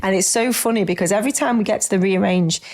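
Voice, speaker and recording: A middle-aged woman coaching business owners in a casual podcast chat, animated and chatty. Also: mid-range voice, quick pace. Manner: chatty and animated, calls people babe.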